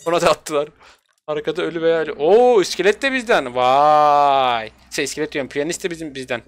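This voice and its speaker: A man doing excitable, jokey live gameplay commentary at home, jumping to high squeals when he is chased. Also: fairly quick, a little hiss or hum. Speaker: gaming streamer. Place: home room with an open window.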